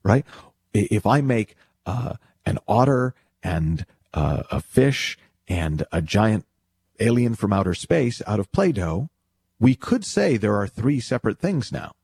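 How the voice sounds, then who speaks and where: A man's voice: fairly low pitch, big pitch swings, unhurried, gravelly, a little mellow, breathy edge, no room sound. A man giving an explanatory motivational talk, speaking to the listener directly with emphatic phrasing and rhetorical questions. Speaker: speaker teaching spiritual principles.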